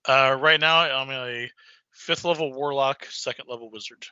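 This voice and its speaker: Bright, tense-voiced man playing a tabletop game. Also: medium pitch, normal speed, smooth, no room sound. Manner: hesitant, many fillers and restarts. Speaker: player. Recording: dry, dull lo-fi audio.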